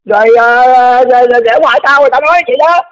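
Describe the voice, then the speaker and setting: A man's voice: very high-pitched, racing, a bit bright. A man, arguing defensively on a phone call, stammering and repeating his words. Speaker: caller in a dispute. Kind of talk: heated phone argument.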